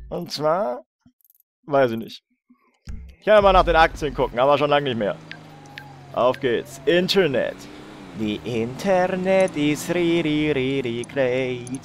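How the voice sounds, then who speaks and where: A man's voice: fairly high pitch, lively intonation, unhurried, pauses often, soft background music. A young man hosting a let's play, joking and swearing in casual commentary while talking to his viewers.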